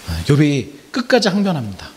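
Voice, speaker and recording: Lively-voiced pastor preaching in a reverberant church. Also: male voice, on the high side, brisk. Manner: explains with rhetorical questions to the congregation. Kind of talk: sermon. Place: church sanctuary.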